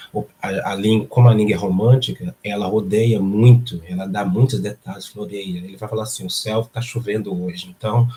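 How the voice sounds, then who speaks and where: A man's voice: lowish voice, warm tone, slight background noise. A man from Brazil with a Brazilian Portuguese accent, hosting a casual live stream and stressing points by repeating words. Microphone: streaming setup.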